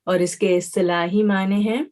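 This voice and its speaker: A woman's voice: mid-range voice, steady tone, a little mellow. A woman teacher, giving an online class lecture, explaining patiently step by step with examples, mixing in English words. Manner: mixes English words into her speech.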